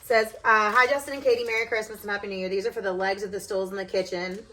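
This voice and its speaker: A woman's voice: mid-range voice, steady tone, fast talker, pushed and bright, a little hiss or hum, rough recording. A woman in a casual family vlog, cheerfully opening mail and reading cards aloud. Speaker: vlogger's wife.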